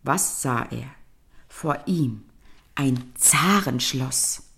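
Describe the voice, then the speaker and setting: A woman reading a fairy tale aloud in a measured, solemn storytelling manner. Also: a bass voice, lively intonation, gravelly, a bit bright, husky.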